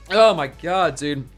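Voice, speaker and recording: A man with a high voice is streaming live, chatting casually about organizing a tournament. He talks fast and rambles excitedly as his voice goes hoarse.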